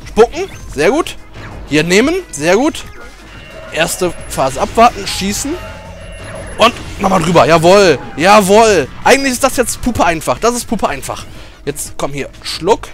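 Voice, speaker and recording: A man doing let's play commentary, emotional and excitable, cheering, swearing and shouting at the game as he plays. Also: high-pitched, a little slow, soft background music.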